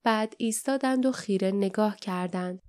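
A woman reading an audiobook as narrator, telling the story in a calm, even way. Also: medium pitch. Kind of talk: scripted narration.

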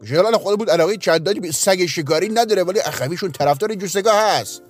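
A man's voice: sits high, breathy edge, soft background music, pitched above the performer's own voice. A man voicing a reluctant household cook answering dismissively in a storybook reading.

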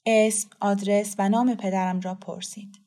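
A woman narrating a story as an audiobook, calm, measured and soft. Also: medium pitch.

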